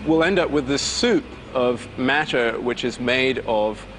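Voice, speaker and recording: A man's voice: medium pitch, measured pace, background noise. A man explaining plainly and illustratively as an expert in a documentary interview. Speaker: expert commentator. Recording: music under the voice. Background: music.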